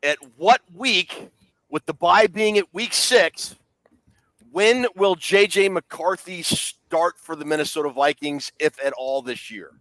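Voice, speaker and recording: A man's voice: a little high, takes it slowly, fairly bright tone, no room sound. A man co-hosting a casual sports talk show, leading the discussion and teasing his co-hosts with questions. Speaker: podcast co-host.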